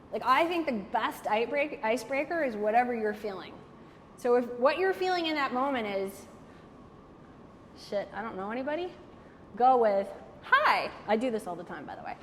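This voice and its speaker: With a fairly high pitch, normal speed and long pauses, this woman talks about networking to a live crowd in a candid, joking, animated style, often dropping "like," then fields their questions. Hall reverb and faint background noise color the recording.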